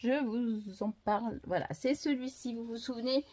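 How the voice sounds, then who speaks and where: A woman's voice: on the high side, moderate pace, mellow. Chatty French woman vlogging at home. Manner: chatty, many fillers and restarts, talks fondly to her dog. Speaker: book vlogger. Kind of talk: casual vlog chat. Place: her home, indoors.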